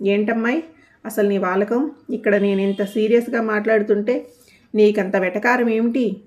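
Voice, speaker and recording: Storybook part: a woman plays a harsh, jealous wife who shouts accusations, mellow tone, lo-fi. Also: mid-range voice, steady tone, normal speed, lightly acted. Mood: angry, accusing.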